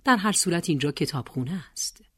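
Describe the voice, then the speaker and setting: A woman voicing a stern, calm librarian who speaks low and measured. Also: breathy edge, no room sound, clean studio sound. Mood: lecturing.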